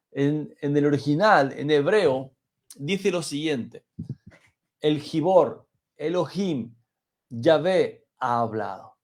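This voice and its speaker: A man preaching a sermon that teaches through a psalm, measured and speaking straight to the listener. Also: on the high side. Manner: measured, addresses listener directly with "fíjese". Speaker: pastor.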